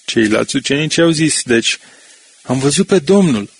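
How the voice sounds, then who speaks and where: Husky guy reading scripture, slow and steady. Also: medium pitch, no room sound.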